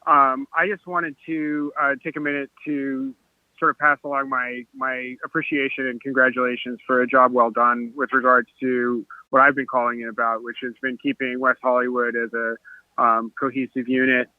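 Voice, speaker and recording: A man calls in with thanks, hesitating often as he speaks. His voice stays flat and even over a tinny, dry phone line. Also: medium pitch, normal speed, no echo. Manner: hesitant, appreciative. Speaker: public comment caller.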